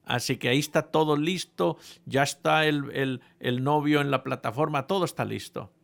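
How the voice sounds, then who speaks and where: A man preaching to a congregation with a somewhat high, gravelly voice. He tells a humorous story playfully and with animation, often breaking off and restarting his phrases. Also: normal speed, fairly bright tone.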